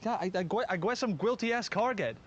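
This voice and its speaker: A stubborn, easily flustered young guy who mangles words and bristles when corrected, as a man plays him in a comedy sketch. His voice sits a little high, and he sounds defensive and put upon. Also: lively intonation, fast talker, a bit bright, muffled recording, a little hiss or hum. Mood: exasperated. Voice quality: mangles pronunciations, exasperated.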